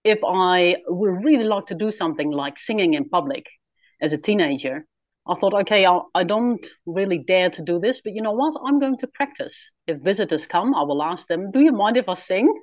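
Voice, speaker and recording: Brief: Dutch-accented woman, 40s, candid interview guest, low voice, muffled dry sound. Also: expressive, fairly quick, a little mellow, no room sound. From Netherlands. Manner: candid, laughs easily. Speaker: guest, author and traveler. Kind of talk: conversational interview.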